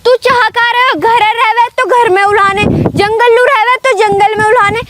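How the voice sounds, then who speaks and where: A woman playing a sharp-tongued old village wife, scolding and threatening in a village comedy skit. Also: very high-pitched, fairly even intonation, over music. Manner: scolding, threatening, fast insults. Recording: loud background noise.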